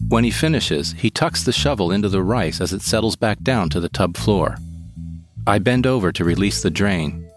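A man reading a first-person story in a calm, measured way. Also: on the low side. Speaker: narrator. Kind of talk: scripted first-person narration. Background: guitar music.

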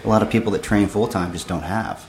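A middle-aged man giving casual interview answers in a halting, understated way. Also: lowish voice, a little mellow, echoey room. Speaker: amateur triathlete being interviewed.

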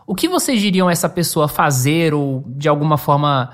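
A woman hosting a podcast, putting a measured question to her guests. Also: sits low, lively intonation. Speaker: podcast host.

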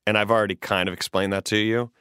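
A man's voice: on the low side, level tone, fast, sharp tone, clean tone, dry recording. Thirtysomething guy giving advice on a podcast, earnest and rambly, keeps restarting, dead dry mic. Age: 30s. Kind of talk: casual advice chat.

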